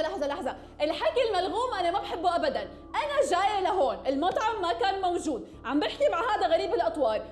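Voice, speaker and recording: Very high-pitched, lively woman gamer. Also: reverberant. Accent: Levantine Arabic. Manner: animated, jokey, bursts into shrieks and gasps. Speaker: gaming YouTuber. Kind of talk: excited gameplay commentary.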